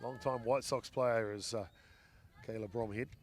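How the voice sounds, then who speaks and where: A man giving live play-by-play commentary at a softball game, chatting with his co-commentator between plays and getting loud on big hits. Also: mid-range voice, steady tone, moderate pace. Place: outdoor ballpark.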